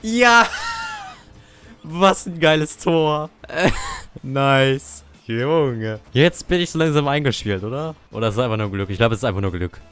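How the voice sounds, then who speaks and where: Young guy ranting at his teammates while gaming, swears a lot, normal pitch. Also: a bit bright. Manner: salty, swears and rants at teammates. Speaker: gamer. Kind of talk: casual gameplay commentary.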